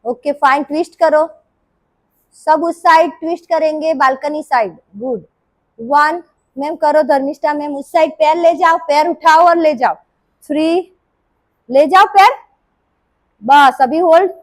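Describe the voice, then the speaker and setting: High-voiced woman yoga teacher. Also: a little slow, long pauses, dry recording, poor audio. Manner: scolding, coaxing, counts reps aloud. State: sore throat. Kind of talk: live group class instruction. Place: indoor yoga class room.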